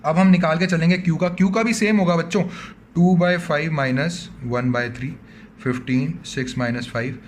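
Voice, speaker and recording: A commerce teacher with an Indian accent gives an online accountancy lesson in a somewhat high voice at a moderate pace. He calls his students "बच्चों" and repeats their questions back to them, with slight background noise.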